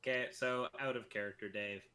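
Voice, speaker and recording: A man's voice: medium pitch, steady tone, brisk, pushed and bright, smooth. A man playing a tabletop game, asking casual out-of-character questions.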